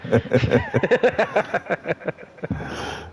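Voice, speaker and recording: A man's voice: a little high, big pitch swings, drawn-out words, gravelly, background noise. A man co-commentating a live sim race, bantering easily and taking care to pronounce names right.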